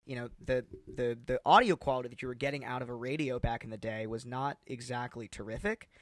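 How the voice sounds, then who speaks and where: A man's voice: medium pitch, a little fast, dry recording, clean studio sound. A man co-hosting a podcast in casual chat, enthusiastic and talkative. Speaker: podcast co-host.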